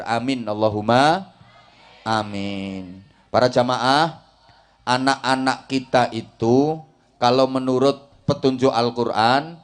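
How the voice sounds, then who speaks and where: This Islamic preacher, a middle-aged man with a Javanese accent, gives a comic sermon to a village congregation and teases the crowd. His medium-pitched voice is clear with a resonant tone.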